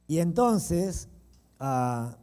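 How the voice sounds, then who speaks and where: A pastor preaching to his congregation through a personal story. His voice sits a little high yet sounds very mellow and dark in tone. He talks in an animated way, with chuckles and quick asides to his listeners. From Peru. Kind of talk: storytelling sermon.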